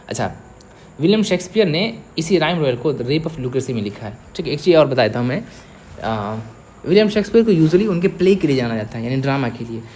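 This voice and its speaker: A man's voice: fairly high pitch, a little mellow, a little hiss or hum. A young man, teaching an exam-prep literature lecture and checking in often with his students. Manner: explains step by step, checks in with "theek hai".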